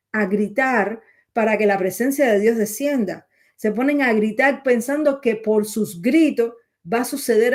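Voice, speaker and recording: Earnest Spanish-speaking woman preacher, higher voice. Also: darkish tone. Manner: earnest, repeats points for emphasis; addresses listener as brother. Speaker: Bible teacher. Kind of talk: Bible teaching sermon.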